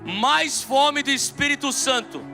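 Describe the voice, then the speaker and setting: A man's voice: very high voice, unhurried, creaky, over music. A man in his forties from São Paulo with a São Paulo Brazilian Portuguese accent, preaching a live sermon and leading prayer with fervent exhortations and frequent restarts. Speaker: pastor. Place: large church auditorium with live audience.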